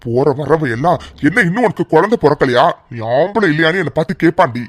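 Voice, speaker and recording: A man's voice: fairly high pitch, animated, fast talker. A man voicing an angry scolding cartoon husband. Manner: harsh, scolding, raised voice. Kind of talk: cartoon serial voice acting.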